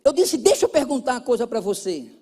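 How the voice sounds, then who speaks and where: A man's voice: very high voice, sing-song, fast talker, a little mellow, slightly rough. A male pastor with a Brazilian Portuguese accent, preaching a sermon and telling a counseling story, acting out the dialogue and repeating phrases for emphasis.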